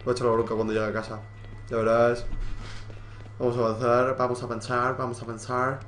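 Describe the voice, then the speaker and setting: A young man with a Spain Spanish accent giving live gameplay commentary as a streamer, excitable and joking, swearing freely as he plays. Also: medium pitch, quick pace, slight background noise. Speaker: gaming streamer.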